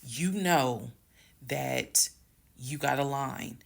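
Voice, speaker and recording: A woman's voice: very deep voice, drawn-out words, gravelly. A woman telling a dramatic story straight to her viewers in a casual storytime. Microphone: phone.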